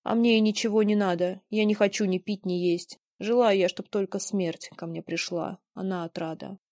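A young son acted by a woman, weary of the world and resigned to gloom. The mellow voice recites mournful rhymed verse theatrically, recorded dry. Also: medium pitch, steady tone, moderate pace, dry recording, natural voice. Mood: despondent. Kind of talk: dramatic verse play reading.

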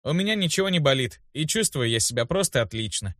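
A man's voice: a little high, lively intonation, fast, fairly bright tone, no room sound, studio quality, voice pushed up. A male audiobook reader voicing a cocky young hero with a grown-up mind, talking in a wry, self-assured, placating way. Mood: calm. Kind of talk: audiobook character voice.

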